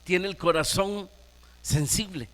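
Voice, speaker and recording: Man, nicaraguan accent, preaching, bright forceful voice, long hall reverb. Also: sits high, slow. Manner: emphatic preaching with rhetorical questions to the congregation. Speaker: pastor. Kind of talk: sermon.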